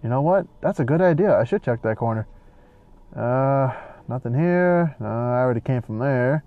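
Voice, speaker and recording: A man's voice: medium pitch, expressive, moderate pace, dry recording, narrow, tinny audio. A man giving casual gameplay commentary, joking and sarcastic as he talks back at the game.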